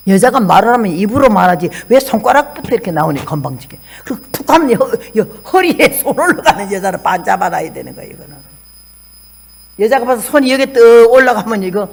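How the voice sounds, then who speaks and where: A woman's voice: on the high side, creaky. A woman in her eighties, from Korea, preaching a testimony sermon as a missionary and telling stories animatedly. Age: 80s. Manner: animated storytelling, acting out quoted dialogue.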